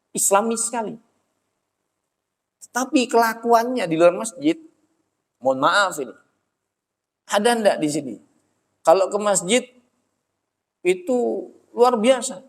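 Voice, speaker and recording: A man giving a religious study lecture in a prayer room, often asking questions and answering them himself. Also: high-pitched. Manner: addresses listeners as "Pak", asks and answers own questions. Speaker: religious teacher. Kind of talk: Islamic study-circle lecture. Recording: long hall reverb.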